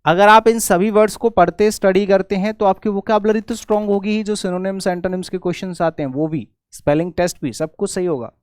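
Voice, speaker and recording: A man's voice: sits high, quick pace, hardly any pauses, no echo, studio quality. A middle-aged man from India teaching English spelling to exam students, spelling words out letter by letter, repeating them and correcting his own slips.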